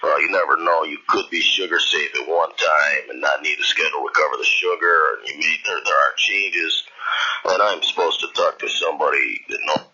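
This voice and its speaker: Low rambling older man on answering machine tape. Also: normal speed, bright, forceful tone, husky, highs cut off. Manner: rambling, disjointed, repeats himself. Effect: answering machine message recording. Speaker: caller leaving a message. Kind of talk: long rambling phone message.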